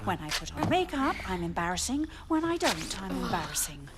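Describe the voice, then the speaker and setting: A woman's voice: fairly low pitch, sing-song, brisk, heavy background noise. A woman playing a sulky teenage girl who resents her parents, with a whiny, complaining delivery.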